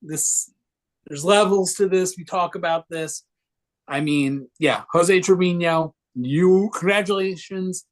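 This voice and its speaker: A man's voice: high voice, takes it slowly. A young man co-hosting a casual sports podcast, brash, joking and swearing freely. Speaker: podcast co-host.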